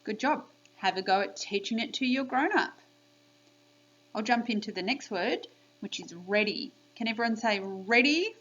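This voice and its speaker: A woman teaching young children a spelling lesson on video, sounding out letters and sounds slowly and clearly. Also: a little high, expressive, a bit bright. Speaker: primary school teacher. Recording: slightly dull lo-fi sound.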